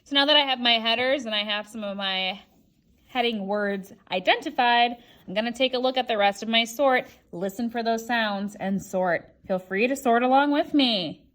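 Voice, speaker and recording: A woman teaching a word lesson to children like a kids show host, asking questions and pronouncing example words with deliberate emphasis. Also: on the high side, a bit bright. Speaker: teacher hosting a word sort lesson video. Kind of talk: scripted-feeling instructional demonstration for children.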